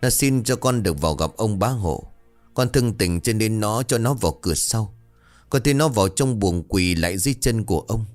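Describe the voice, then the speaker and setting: A man with a low voice voicing a guilt-ridden old female servant who confesses in a hushed, tearful way. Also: lively intonation, fairly quick, faint music behind, lightly acted. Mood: tearful confession.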